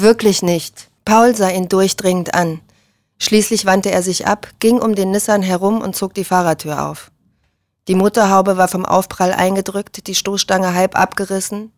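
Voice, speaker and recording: A woman's voice: medium pitch, no room sound, clean studio sound. Woman reading a thriller audiobook. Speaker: narrator.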